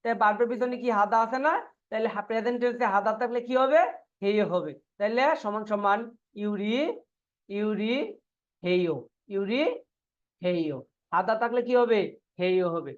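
A man's voice: high voice, normal speed, long pauses. Guy teaching an online class, keeps repeating questions n answers, kinda dull muffled sound. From Bangladesh. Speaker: Korean language teacher.

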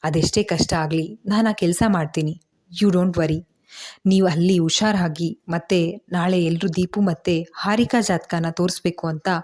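A woman's voice: on the low side, a little mellow, lightly acted. A woman voicing a frightened young wife who asks anxious, pleading questions. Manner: pleading, breathless worried questions.

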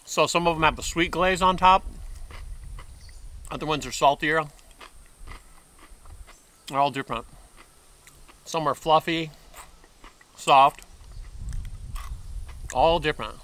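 Slow and pausing often, a man in his fifties with a highish, sharp-toned voice reviews snacks to the camera from a bench in a wooded park. The food vlogger keeps it casual, reacting with lots of mm sounds and exclamations.

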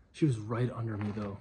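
A man exploring an abandoned building, talking tensely and quietly to his viewers. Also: fairly low pitch. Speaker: urban explorer vlogger. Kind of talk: casual vlog narration. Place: inside an abandoned church. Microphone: phone camera. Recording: noisy phone recording.

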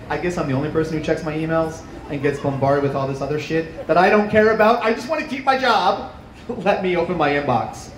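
A man in his thirties doing a stand-up comedy set into a handheld mic, animated, jumping to high yelps on punchlines, with an audience laughing. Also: a little fast. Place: small outdoor rooftop stage with plants. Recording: distant camera, roomy echo, noisy ambience. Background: live audience laughter.

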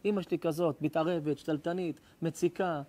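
A high-pitched man, a rabbi, delivers an impassioned, emotional sermon full of stories at a live lecture before an audience. His intonation is fairly even, yet he swings between loud cries and hushed tones.

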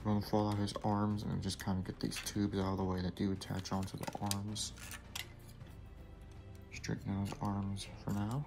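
Over background music in a basement room, a young man with a fairly low, monotone voice and vocal fry shows off a toy he built at a moderate pace. He gives step-by-step instructions in a casual review, adding small asides and correcting himself.

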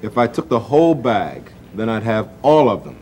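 A man hosting a children's TV show, gently and expressively reading a story aloud to children. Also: on the low side, sing-song, moderate pace, slight background noise. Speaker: children's TV host.

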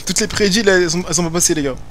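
With a voice that sits high and a bit bright, a young man delivers rapid-fire casual gaming commentary while streaming from a home room via webcam. He trades slangy jokes with his viewers, and slight background noise can be heard.

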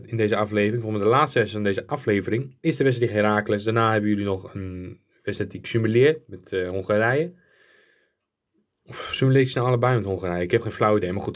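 A young man from the Netherlands giving rambling play-by-play commentary while playing a football video game, getting louder and higher at goals. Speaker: gaming YouTuber.

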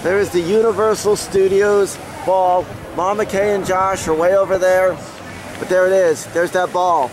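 A man narrates his vlog to a handheld camcorder while walking around a theme park. His voice sits a little high, and he chats and jokes at his own expense. Steady outdoor noise runs under the talk. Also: moderate pace. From Florida. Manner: chatty, self-mocking, joking. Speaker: vlog host. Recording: noisy outdoor camcorder audio.

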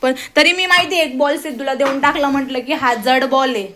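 A woman's voice: sits high, fairly even intonation, a little fast. Exasperated young mother, noisy home recording. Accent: Marathi. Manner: exasperated, scolding, near tears. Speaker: mother, vlogger. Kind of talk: casual family vlog chat. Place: home, indoors.

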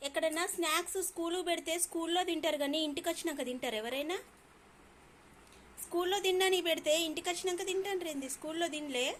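A woman's voice: extremely high pitch, a bit bright, a little hiss or hum. A woman films a casual home vlog and scolds and teases her child. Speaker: mother and home vlogger.

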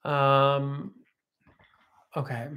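A man's voice: medium pitch, level tone, drawn-out words, highs cut off. Co-host, man, 30s, chatty livestream talker reading comments, webcam in a kitchen. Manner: chatty, reads viewer comments aloud. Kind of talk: casual livestream chat. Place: home kitchen, indoors.

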